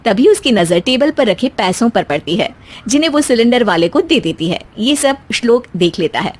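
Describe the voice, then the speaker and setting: High-voiced woman narrating a story. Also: lively intonation, moderate pace.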